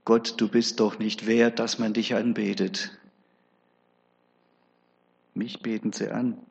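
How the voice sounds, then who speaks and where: A man's voice: on the low side, level tone, takes it slowly, vocal fry, big-room sound. A man preacher voicing a sneering male devil who mocks and taunts God. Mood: mocking. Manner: mocking, taunting.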